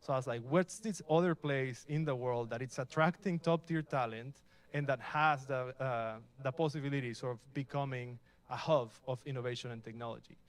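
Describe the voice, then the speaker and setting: In front of a live crowd at an event space, a young adult Mexican man gives an upbeat, informal talk at a tech meetup, pausing to put questions to listeners. His pitch is medium and his pace moderate.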